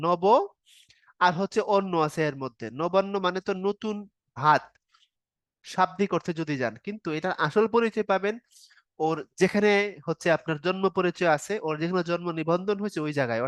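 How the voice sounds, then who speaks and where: Dry-voiced teacher explaining, fairly high man. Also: expressive, brisk, fairly bright tone, no room sound. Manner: explains step by step, asks the students questions; informal spoken style, casual verb forms. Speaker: grammar teacher. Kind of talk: online exam-prep lecture.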